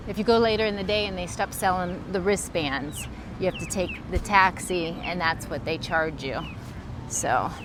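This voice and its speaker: A middle-aged woman chatting casually to her followers in a travel vlog, rambling with fillers and small laughs. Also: mid-range voice. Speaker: travel vlogger.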